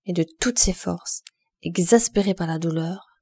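Woman reading an old novel aloud, expressive, warm mellow tone, dry close sound. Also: lowish voice, normal speed, husky, dry recording. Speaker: audiobook reader. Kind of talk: scripted narration of a classic novel.

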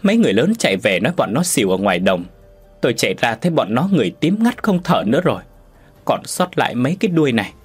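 A man's voice: medium pitch, very animated, quick pace, husky, soft background music. A man voicing a poor, desperate older village uncle in a spoken story, with a wailing, pleading delivery. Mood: grieving.

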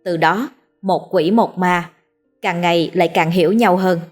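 A woman with a Southern Vietnamese accent narrating a ghost story in a steady storytelling manner. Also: fairly low pitch, a little slow, soft background music.

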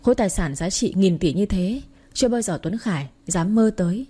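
A woman narrating a story in the first person, reading in a steady storytelling manner. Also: mid-range voice, fairly quick, husky. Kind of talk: scripted narration.

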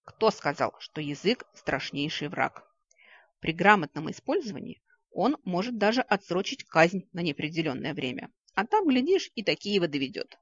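Brief: wry fantasy audiobook narrator, lively delivery, dry close sound. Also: medium pitch, normal speed, no room sound. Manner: wry first-person storytelling. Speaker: audiobook reader. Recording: dry, slightly dull recording.

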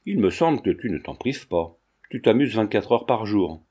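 A man's voice: lowish voice, sing-song, normal speed, mellow, slightly rough. A man doing a teasing, skeptical young Parisian. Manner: teasing, ironic.

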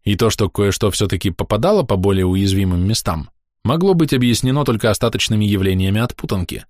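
A man reading a fantasy novel aloud as audiobook narrator, in a steady storytelling manner. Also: on the low side, quick pace, dry recording, studio quality. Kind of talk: scripted narration.

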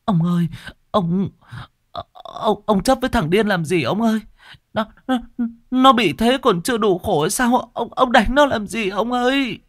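A woman's voice: medium pitch, animated, measured pace, dry recording, clean studio sound, voice pushed up, close to an everyday voice. A man voicing a middle-aged peasant wife who pleads with her husband in a stammering, sobbing wail. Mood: pleading wail. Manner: wailing, stammering pleas.

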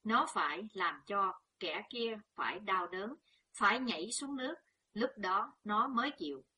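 A woman's voice: mid-range voice, animated, unhurried, bright, forceful tone, breathy edge, full character voice. A woman voicing a young woman in pain who speaks in a strained but composed way.

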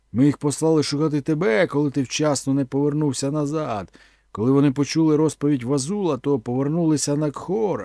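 Old male chieftain, enraged, yelling accusations, as a male reader puts him on; high husky voice, dry sound. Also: no echo. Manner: shouting, accusing.

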